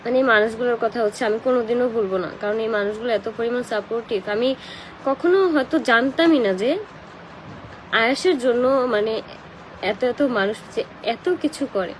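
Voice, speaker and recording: Tearful, high-pitched young Bangladeshi woman, crying. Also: moderate pace, slight background noise, poor audio. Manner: tearful, emotional, crying talk. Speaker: live streamer who does paid promotions. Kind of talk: casual live chat, reading and answering comments.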